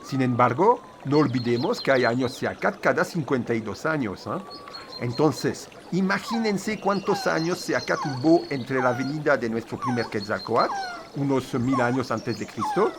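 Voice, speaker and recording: This man lectures informally on Nahua history for a video, reading parts aloud, faltering and filling gaps with fillers. His mid-range voice is very animated at a normal speed, and he calls his Spanish a bit crooked; background noise is present.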